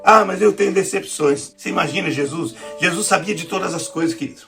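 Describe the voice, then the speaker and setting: A woman's voice: on the low side, fairly quick, vocal fry, a bit bright, soft background music. A woman with a Brazilian accent preaching a sermon, often calling her listeners "querido" and asking for amens. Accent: Brazilian Portuguese.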